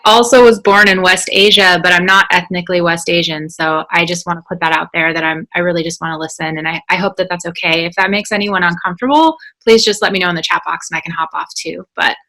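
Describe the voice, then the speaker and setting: Bright-voiced woman therapist on a call. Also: fairly low pitch, steady tone, fast, few pauses. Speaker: mental health therapist. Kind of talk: introducing herself on a video call. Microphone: video call.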